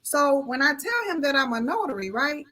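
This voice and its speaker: A high-voiced woman tells a story as a guest on a live talk show, doing the voices of each person in it. Her tone is bright and ringing, her speech casual and colloquial, with open talk of faith. She comes through a video call. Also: moderate pace. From Illinois. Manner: lively storyteller who acts out each voice in the tale. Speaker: notary guest.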